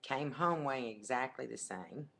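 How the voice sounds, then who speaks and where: Very low-voiced Southern woman, chatty. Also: animated, normal speed, creaky, a bit bright. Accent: Southern US, Arkansas. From Arkansas. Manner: chatty storyteller with a drawl, laughs often. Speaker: co-host of a webcam video. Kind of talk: casual chat. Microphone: webcam.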